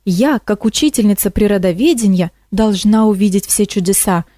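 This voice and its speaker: A woman voicing a curious, excitable old woman who teaches nature studies, fussing and exclaiming in a storybook reading. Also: medium pitch, normal speed, dry recording, clean studio sound, natural voice. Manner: fussy, excitable.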